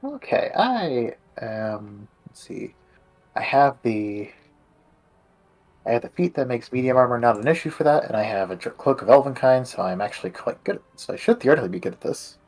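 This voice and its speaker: Hesitant man with a lively voice. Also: medium pitch, moderate pace, faint music behind. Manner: hesitant, thinking aloud. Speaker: player. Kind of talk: playing a tabletop game.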